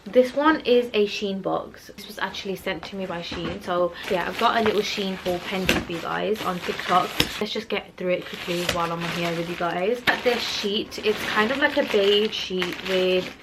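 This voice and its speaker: A woman's voice: medium pitch, moderate pace, few pauses. A British woman chatting casually to viewers as a haul vlogger, with a bubbly, gushing, emphatic manner. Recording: noisy recording with clicks.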